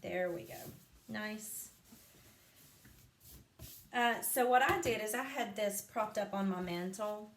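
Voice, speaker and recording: A woman's voice: mid-range voice, slow pace, long pauses. A sleepy woman demonstrating a home craft live, chatting along with plenty of ums and asides. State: sleepy, yawning. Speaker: craft vlogger. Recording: echoey room, faint background noise.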